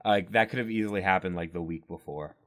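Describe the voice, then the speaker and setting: A man with a notably deep, low-pitched voice talks through a podcast episode in loose, casual chat. He rambles, circles back and restarts his thoughts, and laughs often as he goes. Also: quick pace. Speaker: podcast co-host.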